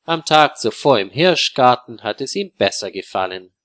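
A man narrating a story for learners in a slow, calm, clearly articulated reading. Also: mid-range voice.

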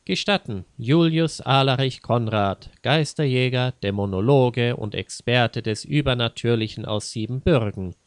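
A man's voice: mid-range voice, measured pace, hardly any pauses, clean tone, no room sound, clean studio sound, close to an everyday voice. A man voicing a self-important, easily offended male ghost hunter who speaks grandly. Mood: pompous. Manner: grandiose, indignant.

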